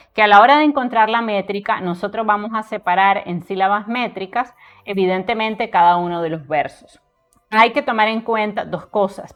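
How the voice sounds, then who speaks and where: A woman teaching a poetry lesson, explaining meter step by step and counting syllables aloud slowly. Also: mid-range voice, highs cut off. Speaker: literature teacher.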